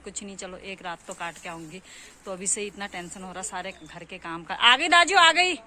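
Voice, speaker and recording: A woman's voice: fairly low pitch, flat delivery, brisk, fairly bright tone. Chatty woman vlogging on a phone. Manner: chatty, addresses viewers as friend. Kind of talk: casual vlog narration. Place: outdoors, village shop and market. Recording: noisy outdoor phone recording.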